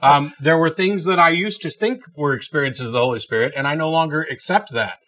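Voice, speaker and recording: A man's voice: a little high, brisk, bright, forceful tone. A man in his thirties hosting a call-in show, debating a caller in a probing, challenging way and often cutting in. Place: small TV studio, indoors.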